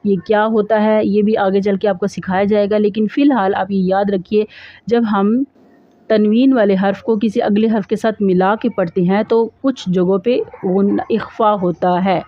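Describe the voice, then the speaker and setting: A woman with a Pakistani Urdu accent teaching Quran reading, spelling out syllables slowly and drilling them. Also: mid-range voice, fairly even intonation, no echo. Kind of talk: spelling out and recitation drill lesson. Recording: dull, dry close recording.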